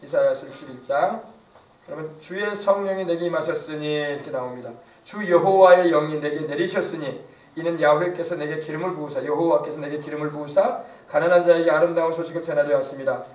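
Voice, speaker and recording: High-voiced man preaching in an echoey church. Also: quick pace, darkish tone, distant mic. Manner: asks the congregation questions, emphatic preaching. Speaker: pastor. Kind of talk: sermon.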